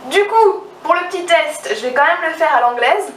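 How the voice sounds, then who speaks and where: At a moderate pace, a young adult book vlogger with a high, expressive, fairly bright voice gushes about the books she bought. She often trails off and restarts her sentences, captured on a roomy recording with a slightly distant mic and faint background noise.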